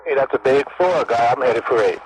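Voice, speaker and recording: A man's voice: mid-range voice, fairly quick, breathy edge, poor audio. A man playing a friendly trucker, speaking CB slang over a CB radio. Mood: easygoing. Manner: CB slang, relaxed drawl with fillers. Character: friendly male trucker answering calls. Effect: trucker talk over a CB radio. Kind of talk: scripted radio role-play.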